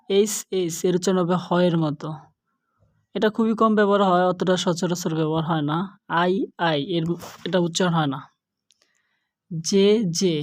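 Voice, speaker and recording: A young woman teaching an English lesson, going through letter pairs slowly and carefully. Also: fairly low pitch, darkish tone. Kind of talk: slow spoken lesson.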